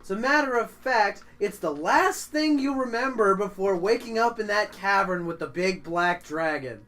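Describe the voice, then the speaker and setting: A man running a tabletop game as game master, narrating with hesitant pauses and fillers. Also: sits high, expressive, fairly bright tone. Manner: halting, hesitant, with frequent fillers.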